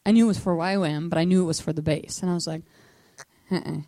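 A woman telling a personal testimony at a missions training school in a casual, animated way, acting out quotes in hushed whispers and high squeaks. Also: racing, no room sound.

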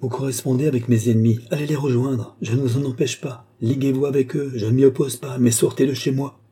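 With a warm, mid-range voice that has a breathy edge, a man lightly acts out an aging, prickly philosopher for an audiobook at a moderate pace. Indignant and distrustful, the character flings accusations and bemoans his betrayals in self-pitying bursts.

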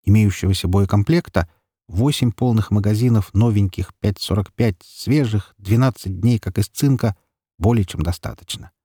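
A man reading a dark story as an audiobook narrator in a steady, even telling. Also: on the low side, normal speed, slightly rough, no echo, studio quality.

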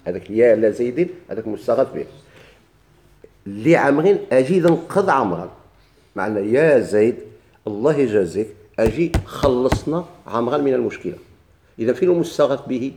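A teacher with a Moroccan accent explains grammar in an expressive, fairly quick delivery, with slight background noise. His mellow, dark voice stays at a normal middle pitch, and he poses questions, answers them, then reinforces the point by repeating it.

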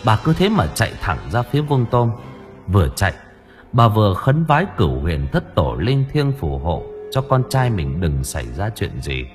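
A man narrating an audiobook in an expressive, dramatic storytelling manner. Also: fairly low pitch, moderate pace, faint music behind.

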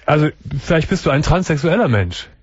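A man's voice: a little high, big pitch swings, brisk, husky, no echo. A man hosting a late-night call-in radio show, asking callers friendly, direct questions. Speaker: radio talk show host. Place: radio studio. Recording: dull, lo-fi radio broadcast.

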